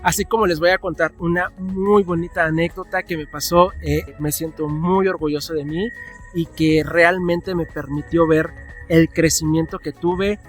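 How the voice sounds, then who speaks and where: Young Mexican guy, chatty vlog storyteller, a bit high, soft music behind. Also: moderate pace. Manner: chatty, animated, acts out his own past dialogue. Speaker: vlogger.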